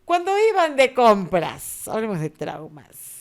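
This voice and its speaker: A woman's voice: mid-range voice, unhurried. A middle-aged woman with a Peruvian Spanish accent tells stories in a casual chat. Her voice rises and falls a lot. She slips into quoted voices as she goes. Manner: animated storyteller acting out quoted voices. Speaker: podcast co-host.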